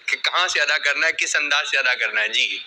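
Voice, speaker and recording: A man's voice: a little high, pushed and bright. A man co-hosting a children's lesson, asking the teacher playful, naive questions about how the sounds are made. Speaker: co-host.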